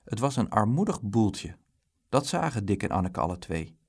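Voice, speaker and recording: A man narrating a children's storybook in an expressive, lively way. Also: on the low side, moderate pace, slightly rough. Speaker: audiobook reader.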